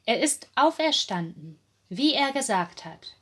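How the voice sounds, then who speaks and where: A woman voicing a calm male angel who speaks slowly and reassuringly in a told Bible story. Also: on the high side, breathy edge, full character voice. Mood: solemn.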